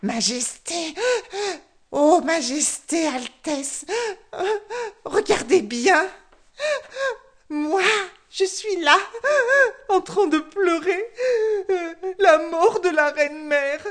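A storyteller voicing a sly male warthog who tattles to the king, wailing high and loud with fake sobs. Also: very slow, pauses often, heavily acted.

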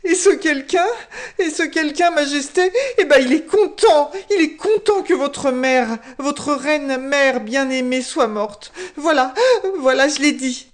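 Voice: high voice, unhurried, voice pushed up. A storyteller voicing a sly warthog who fake-sobs and fawns over a king while telling tales. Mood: fawning wail. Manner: wailing, fake-sobbing, fawning. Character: whiny tattletale warthog, snivelling and sly.

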